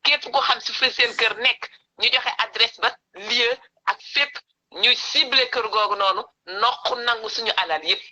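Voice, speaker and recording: A woman's voice: on the high side, unhurried, sharp tone. A woman from Senegal with a Senegalese accent, calling into a live stream, heard through a phone held on speakerphone, insistent and repeating herself for emphasis. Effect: phone call played over a speakerphone. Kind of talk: impassioned political call-in.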